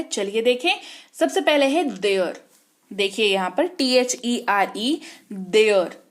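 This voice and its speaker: A woman teaching an English lesson, spelling words letter by letter, then quizzing the listener with quick questions and repeating each answer. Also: on the high side. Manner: repeats key points with rising question prompts. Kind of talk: online English lesson in Hindi.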